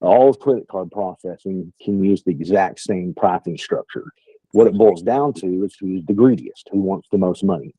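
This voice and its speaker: A man's voice: deep voice, moderate pace, mellow, breathy edge, no room sound. A middle-aged man with a thick West Texas accent, giving an informal, folksy training talk on a call. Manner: folksy, plain-spoken. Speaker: sales trainer. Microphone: phone or online call. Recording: dull lo-fi call audio.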